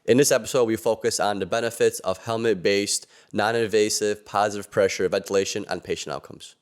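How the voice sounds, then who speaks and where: A man's voice: on the low side, steady tone, fairly quick, smooth. A man co-hosting a podcast interview, introducing the guest and asking attentive questions. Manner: attentive, short backchannel murmurs. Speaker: podcast co-host.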